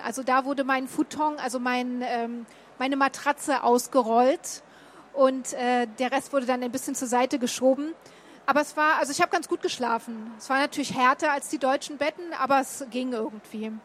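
A woman's voice: high-pitched, a bit bright, slight background noise. A woman from Berlin chatting casually as she shows slides, with many fillers and restarts. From Berlin, Germany. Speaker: guest telling of a stay in Japan. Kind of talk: casual talk showing slides.

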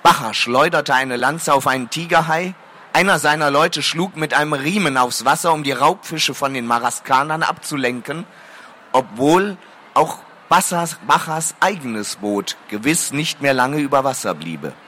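Bright-voiced man doing a formal reading. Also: a little high, moderate pace, a little hiss or hum. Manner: formal, addresses listeners politely. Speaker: co-reader of a fantasy novel. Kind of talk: live reading addressing an audience.

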